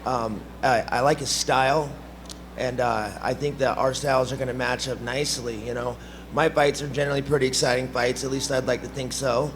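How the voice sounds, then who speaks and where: A man with a medium-pitched voice answers as a fighter at a press conference. He is diplomatic and a little halting, with clear room noise around him. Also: steady tone.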